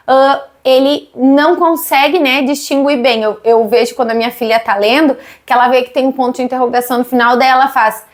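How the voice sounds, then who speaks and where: A woman in her thirties with a Brazilian Portuguese accent, explaining literacy teaching and asking her viewers questions. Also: high voice. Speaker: literacy educator.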